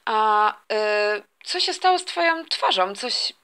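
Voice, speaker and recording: A woman's voice: medium pitch, animated, slow, sharp tone, clean tone, pitched below the performer's own voice, full character voice. A woman voicing a caring, mildly scolding father in a toy story role-play. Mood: concerned. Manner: fatherly, lecturing.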